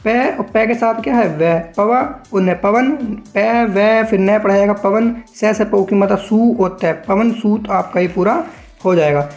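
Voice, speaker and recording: Creaky-voiced patient shorthand teacher. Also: mid-range voice, steady tone, a little mellow. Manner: patient, spells out syllables slowly one by one; addresses learners as friends. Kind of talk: step-by-step tutorial explanation.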